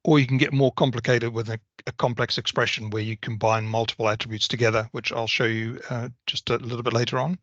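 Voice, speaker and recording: A man on a video call gives a methodical, explanatory software walkthrough. His voice is bright and forceful, and it sounds dry and close. The call audio is a little dull and lo-fi. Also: mid-range voice, little pitch movement, fast, no echo. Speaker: software presenter. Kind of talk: technical product walkthrough.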